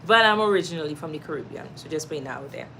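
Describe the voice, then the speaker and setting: Low, expressive and racing, her voice carries over slight background noise as she hosts a casual livestream at home. This Trinidadian woman is warm and encouraging, reading comments aloud and laughing frequently.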